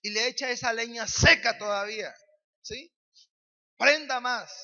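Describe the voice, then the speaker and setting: A man's voice: extremely high pitch, fairly even intonation, normal speed, pushed and bright. A man preaching a sermon, leading call-and-response with the congregation and urging them to repeat after him. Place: church hall. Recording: dull lo-fi with long church reverb.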